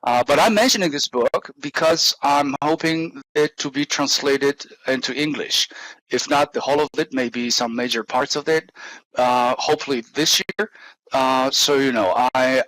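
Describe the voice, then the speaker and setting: A man with a Polish accent giving an academic conference presentation, haltingly, with frequent throat-clearing and grunting noises. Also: medium pitch, bright, forceful tone, no echo, poor audio. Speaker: university lecturer, conference speaker. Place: online talk given inside a virtual world.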